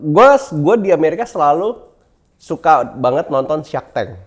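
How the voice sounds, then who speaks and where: Male guest from Indonesia, casual chat, lively swooping delivery. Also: moderate pace. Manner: animated, jumps into high put-on voices when retelling. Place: indoor studio.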